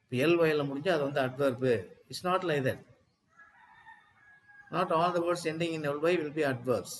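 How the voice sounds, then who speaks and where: A man's voice: on the high side, low-quality recording. A man with a Tamil accent teaching an English grammar lesson, mixing in Tamil and often asking students if they follow. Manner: switches between Tamil and slow, deliberate English. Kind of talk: exam-prep grammar lesson.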